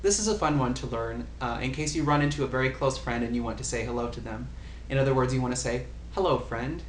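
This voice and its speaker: This man teaches a relaxed language lesson, patiently repeating sample phrases as he explains. His mid-range voice moves at a quick pace, captured in an echoey room with faint ambient noise.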